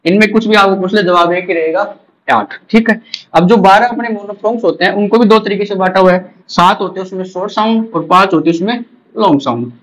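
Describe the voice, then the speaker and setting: A man's voice: sits high, fast talker, a bit bright, rough recording. A man from India, teaching an exam-prep lecture and drilling students with repeated questions and answers.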